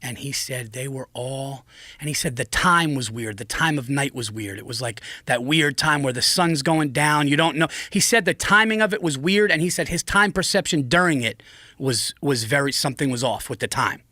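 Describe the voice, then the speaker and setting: A man's voice: mid-range voice, normal speed, no room sound, studio quality. A man on a podcast telling a long story in a casual, profane way, acting out other people's lines as he goes. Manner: profane, animated, acts out quotes. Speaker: podcast guest.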